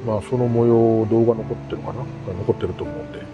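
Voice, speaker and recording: Through narrow, tinny audio with music behind it, a middle-aged man from Japan vlogs about his amateur radio hobby. His lowish voice moves briskly as he rambles in an easygoing, self-mocking way.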